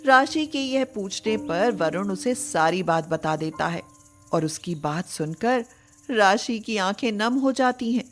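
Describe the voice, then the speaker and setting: A woman's voice: medium pitch, measured pace, soft background music. A woman narrator reading a scripted moral story.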